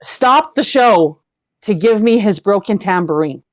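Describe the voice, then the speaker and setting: A woman guest, a rock singer, recounts casual anecdotes in an interview, speaking in an expressive, mid-range voice that runs a little slow. She gushes and repeats herself for emphasis, captured on dull, lo-fi audio with a roomy echo.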